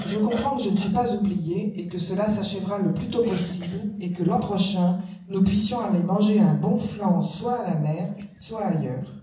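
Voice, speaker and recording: Dark, mellow letter reader, steady, distant and echoey. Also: medium pitch. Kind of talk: public reading of letters. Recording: echoey room, voice from far off.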